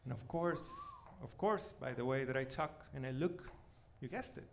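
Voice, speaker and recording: A forty-year-old man, originally a Spanish speaker with a Venezuelan accent, performs stand-up as relaxed storytelling on a club stage. His mid-range voice is creaky but lively in intonation, and he hesitates often, repeating words and dropping in "like" and "you know." Crowd and room noise fill the live recording.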